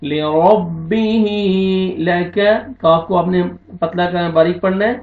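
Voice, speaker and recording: A male Quran teacher with a Pakistani Urdu accent, reciting verses in long drawn-out phrases and explaining tajweed rules quickly in between. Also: sits high, flat delivery. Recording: roomy, dull lo-fi recording.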